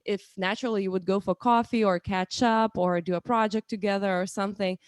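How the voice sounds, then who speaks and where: A woman's voice: mid-range voice, steady tone, a little fast, no room sound. Lithuanian-accented woman host, 30s, chatty live stream, dry close sound. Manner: chatty, with frequent restarts and fillers. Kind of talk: casual live-stream chat.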